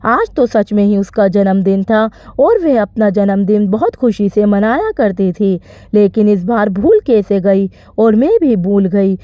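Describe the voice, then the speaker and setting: A woman narrating an emotional first-person story in an expressive storytelling manner. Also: mid-range voice, a little slow, dry recording. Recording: slightly dull, dry recording.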